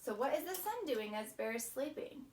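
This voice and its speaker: A woman with a high, sing-song voice leads a children's story time, reading expressively in simple phrases and asking the young listeners questions. She speaks fairly quickly, her tone a little mellow. The mic is distant, with faint background noise.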